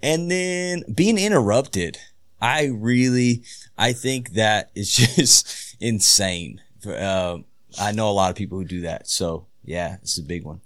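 A pastor chatting on a podcast, relaxed and quick to laugh. His voice sits a little low and he takes his time with each thought. The sound is close and dry, with no room around it. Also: no echo. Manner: laughs easily, relaxed storytelling. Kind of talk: casual podcast chat.

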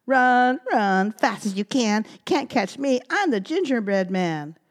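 A woman voicing a boastful little gingerbread boy who taunts in a high, sing-song voice. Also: expressive, slow pace. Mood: taunting.

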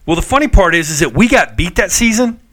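A man's voice: sits high, sing-song, fast, a bit bright. An older man, a former football coach, co-hosting a casual sports talk show and telling stories with emphatic, run-on phrasing. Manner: emphatic, storytelling, stacks clauses with "and".

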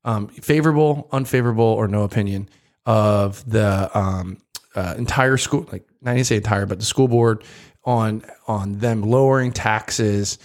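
A man's voice: lowish voice, normal speed. A man hosting a podcast, casually telling a long story with swearing and acted-out phone calls. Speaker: podcast host. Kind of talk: casual chat.

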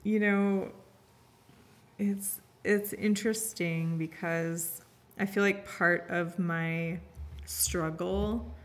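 Earnest, low-voiced woman talking candidly. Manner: earnest, heartfelt, heavy use of "like" and restarts. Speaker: podcast guest sharing her story. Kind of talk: candid conversational interview.

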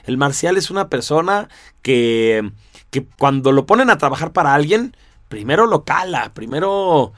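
A man giving a lively, conversational talk to an audience, full of rhetorical asides. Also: a little high, normal speed, no room sound, clean studio sound. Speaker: teacher.

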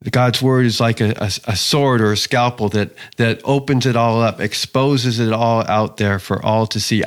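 A man who is a Lutheran pastor, giving a sermon in an earnest, measured way, with pauses and small restarts. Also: medium pitch.

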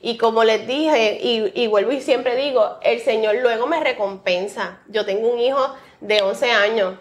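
A woman's voice: on the high side, measured pace. A woman from Rico, sharing a heartfelt, faith-filled personal testimony as an interview guest. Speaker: guest, author.

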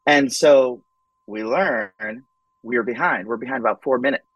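Man, animated storyteller, podcast guest, many fillers, dry close sound. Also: medium pitch, moderate pace, husky, no echo, highs cut off. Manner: animated, acts out quoted voices, frequent "like" and "um". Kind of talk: casual storytelling.

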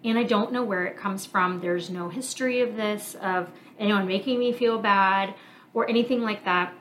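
A woman in her thirties talks through her own thoughts on her podcast, candid and reflective, pausing and restarting as she works things out. Her voice sits at an ordinary middle pitch. A faint hiss stays under the recording. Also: a bit bright. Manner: candid, reflective, thinking aloud with fillers. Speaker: podcast host, marriage coach and therapist. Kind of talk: casual personal monologue.

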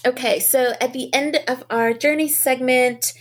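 A woman's voice: sits high, fairly even intonation, unhurried. A woman hosting an interview podcast, asking questions and affirming her guest with "right" and "love it". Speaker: podcast host. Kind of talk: casual interview.

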